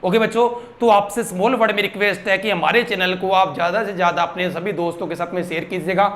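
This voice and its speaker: A teacher leads a grammar lesson in a high, light voice. He asks his students questions again and again and repeats their answers back as a drill. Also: steady tone, fast talker, a bit bright.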